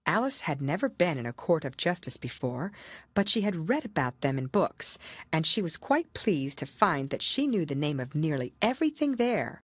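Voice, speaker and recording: Husky woman reading a storybook, lively pitch. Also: moderate pace, no room sound, studio quality. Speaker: audiobook reader. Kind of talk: expressive scripted storybook narration.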